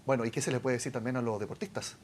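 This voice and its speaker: A man's voice: mid-range voice, steady tone, very fast, a little hiss or hum. A Chilean man hosting a TV news interview, asking pointed, pressing questions. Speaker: TV news host.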